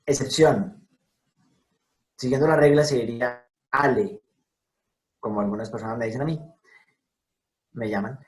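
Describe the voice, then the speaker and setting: A man's voice: medium pitch, fairly even intonation, normal speed, long pauses, darkish tone, rough recording. A man giving a lecture over a video call, carefully spelling out and repeating each sound as he explains. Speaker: lecturer on scientific name pronunciation. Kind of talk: explanatory talk over slides.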